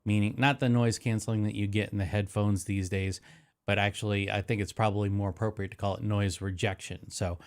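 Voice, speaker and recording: Fairly quick and lowish, with little pitch movement, a nasal-voiced streaming tech host demonstrates audio gear in his studio. He talks casually into a close dynamic broadcast microphone, rambling and self-correcting with many fillers and restarts.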